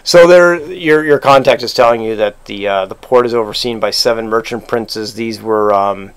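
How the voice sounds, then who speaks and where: A man with a Canadian accent narrating a tabletop game as game master, halting and full of restarts. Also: lowish voice, clear, resonant tone. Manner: halting, lots of fillers and restarts.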